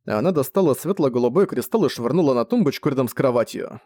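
A man reads a novel aloud in a steady, even narrating manner. His voice sits at a middle pitch. The recording is dry and close, with no room echo. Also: fast. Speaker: audiobook narrator. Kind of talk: scripted audiobook narration.

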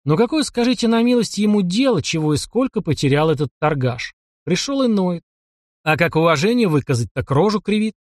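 A man narrating an audiobook with a steady, expressive reading on a close mic. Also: sits high, a little fast, no room sound.

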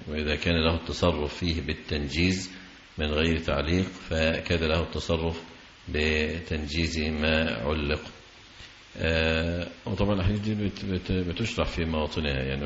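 A man giving a religious lesson, reading a commentary aloud and explaining it in a slow, measured way with long drawn-out pauses. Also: extremely low pitch, slight background noise. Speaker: Islamic scholar teaching hadith commentary. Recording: echoey, dull lecture recording.

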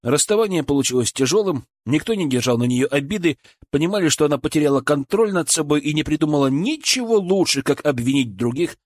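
Calm male audiobook narrator, dry sound. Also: on the high side, quick pace, no echo. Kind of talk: scripted narration.

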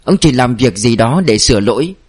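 A man narrating a novel in a steady storytelling voice. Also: medium pitch, brisk, husky. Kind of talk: audiobook narration.

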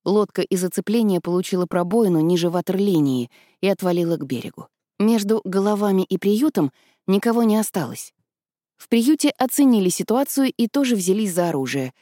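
A woman reading an adventure novel aloud as a steady storyteller. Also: fairly low pitch, dry recording, studio quality. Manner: steady storytelling, shifting voices for characters. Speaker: audiobook narrator. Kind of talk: scripted narration.

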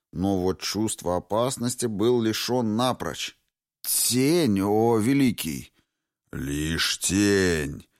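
A man narrating a fantasy audiobook in a measured, unhurried reading. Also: lowish voice, no echo, clean studio sound.

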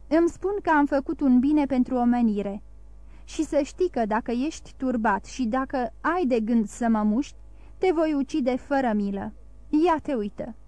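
Middle-aged banker, defensive, blustering, frightened, read by a woman, high pitch, dry recording. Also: darkish tone, no room sound, natural voice.

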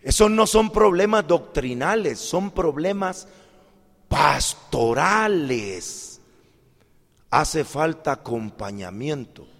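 Slow-preaching man in a reverberant hall. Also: fairly high pitch, animated. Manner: acts out little dialogues, swings from loud outbursts to quiet asides. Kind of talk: sermon.

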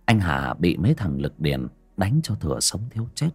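A man narrating a dramatic story in an expressive storytelling manner. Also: deep voice, moderate pace, husky, faint music behind.

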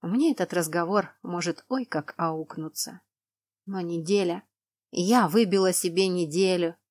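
A woman's voice: on the low side, unhurried, a little mellow, no room sound. Woman reading a novel aloud, dry sound. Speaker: audiobook narrator. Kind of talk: first-person novel reading.

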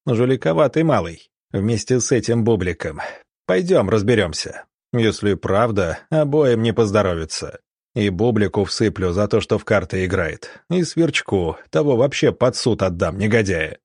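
A man voicing a gruff, quick-tempered army ensign who scolds and threatens. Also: fairly low pitch, lively intonation, a little mellow, dry recording, clean studio sound.

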